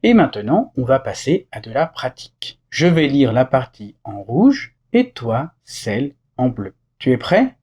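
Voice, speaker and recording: A man delivers a scripted French lesson, carefully explaining words and reading example sentences. His voice is a little husky. His pitch rises and falls with lively movement. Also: measured pace, hardly any pauses. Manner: clear, didactic explanation with example phrases. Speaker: French teacher.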